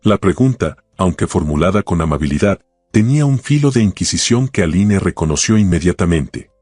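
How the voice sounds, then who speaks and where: A man narrating a scripted romance story in a steady, even reading. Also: low-pitched, brisk, slightly rough, no echo, clean studio sound, soft background music.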